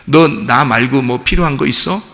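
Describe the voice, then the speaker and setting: A man's voice: medium pitch, normal speed, gravelly, bright, forceful tone, big-room sound. A male pastor giving a conversational sermon, acting out little dialogues with God in different voices. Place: church sanctuary.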